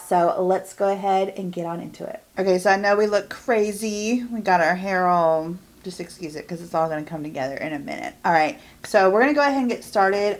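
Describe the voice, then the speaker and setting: A young woman talks in a bubbly, rambling way, firing off quick bursts of chatter. She is recorded at home, hosting a chatty get-ready-with-me beauty vlog. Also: mid-range voice. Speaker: beauty vlogger.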